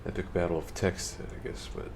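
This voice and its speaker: A man streaming a game, reading out the story text in a monotone and commenting on it, with frequent restarts. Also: normal speed, background noise. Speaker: let's play streamer. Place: home streaming setup.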